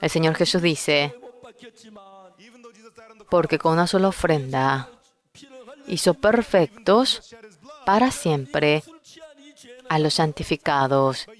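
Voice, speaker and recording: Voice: medium pitch, takes it slowly, long pauses. A preacher giving a sermon in an emphatic, repetitive way, drawing out key words.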